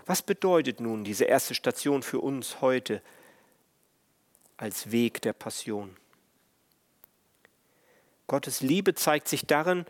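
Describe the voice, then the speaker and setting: Slow, solemn German preacher man. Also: mid-range voice. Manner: slow, measured, solemn delivery. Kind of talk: sermon on the stations of the cross.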